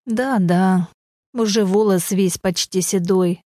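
A woman's voice: medium pitch, slow, warm tone, no echo, clean studio sound, natural voice. A woman reading the part of a grey-haired older man who grumbles but pleads and apologizes, in an audiobook story. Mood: pleading.

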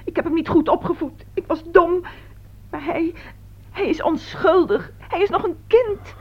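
A grieving middle-aged mother, voiced by a woman, pleads through tears and takes the blame on herself. Her voice is high and breaking, and the old radio play recording sounds dull. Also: a little slow. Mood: pleading. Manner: tearful, pleading and self-blaming. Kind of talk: radio drama acting.

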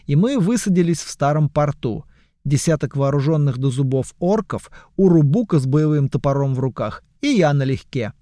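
A man reads a first-person story in a measured, wry voice. His voice sits fairly high for a man. The recording is dry and close, with no room sound. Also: warm tone, no echo. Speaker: audiobook narrator. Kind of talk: scripted first-person narration.

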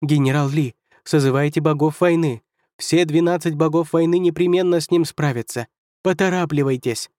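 A pompous celestial advisor who shrieks in high, strained outrage, voiced by a man. His lines jump well above the reader's usual pitch and get louder. The take is close and dry. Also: normal speed, dry recording, close to an everyday voice. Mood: shrieking. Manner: shrieking, indignant, sputtering. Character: shrill pompous male celestial first advisor. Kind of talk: audiobook character voice.

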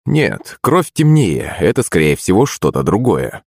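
A man's voice: deep voice, sing-song, measured pace, creaky, darkish tone, dry recording, studio quality. A man reading a first-person audiobook as narrator.

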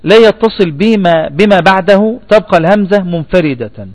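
High-voiced Egyptian teacher quizzing a class. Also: male voice, animated, normal speed. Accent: Egyptian Arabic. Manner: questions the class and repeats answers. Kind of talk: spelling lesson.

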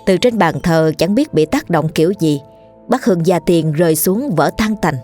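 A woman narrating a ghost story in a steady storytelling manner, voicing the characters. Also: fairly low pitch, moderate pace, soft background music.

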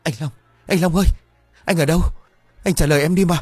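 A crying young woman in a storybook scene, pleading through sobs, as a male narrator lifts his voice to play her. Her voice rides high and swings widely, with a husky edge. A little music plays softly behind her. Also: expressive, quick pace, dry recording. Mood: sobbing. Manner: sobbing, pleading. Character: young woman, frantic and tearful.

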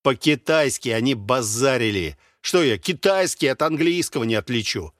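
A man's voice: mid-range voice, animated, moderate pace, fairly bright tone, dry recording, natural voice. A lazy, smug young soldier from an audiobook, as a man reads him in a near-plain voice, sure he knows better than everyone. The sound is dry and close.

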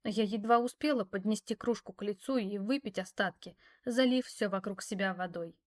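A woman reads a first-person novel aloud at a middle pitch. Her telling is expressive, with a wry edge. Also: moderate pace. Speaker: audiobook narrator. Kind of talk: first-person story narration.

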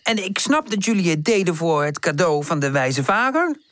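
A woman's voice: very animated, normal speed, no room sound. A woman voicing a caring, motherly aunt in a children's storybook. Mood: soothing. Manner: warm exclaiming, raised pitch. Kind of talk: storybook character voice.

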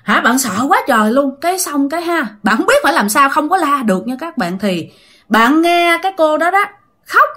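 Woman storyteller, Southern Vietnamese accent, bright and animated, dramatic and chatty with listeners. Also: high voice, normal speed. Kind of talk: casual ghost story telling.

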